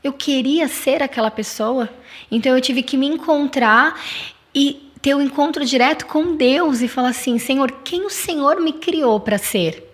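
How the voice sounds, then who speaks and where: A woman's voice: sits high, unhurried. A woman podcast guest telling a personal story in casual chat and making earnest, faith-filled declarations.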